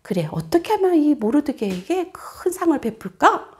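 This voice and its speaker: A woman voicing a proud older king who questions his officials and gives orders in a deliberate, regal manner, told as a children's Bible story. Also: high-pitched, big pitch swings. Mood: pondering. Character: proud Persian king, older man, commanding.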